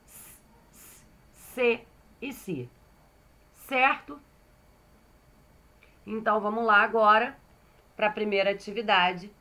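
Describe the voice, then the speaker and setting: A primary school teacher with a Brazilian Portuguese accent teaches young children phonics, slowly and patiently sounding out syllables and checking in often with "certo?" Her voice is fairly high and bright in tone.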